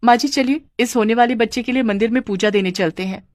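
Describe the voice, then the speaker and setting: A woman's voice: a little high, fast talker, darkish tone, no room sound, natural voice. A woman voicing a kind, hardworking young bride in a cartoon story, who speaks politely and earnestly.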